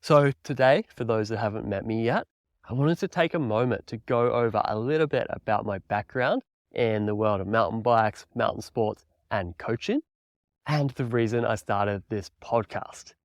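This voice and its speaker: A podcast host and mountain bike coach in his thirties speaks with an Australian accent in a lowish voice at a normal speed. The studio-quality solo recording has no echo, and his manner is upbeat, enthusiastic, and laid-back.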